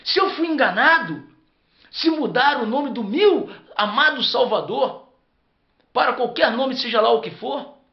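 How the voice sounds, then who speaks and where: A Brazilian man preaching a sermon as a pastor, fervent and repetitive, drawing out his emphatic phrases. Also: very high voice. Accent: Brazilian Portuguese. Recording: roomy, dull lo-fi recording.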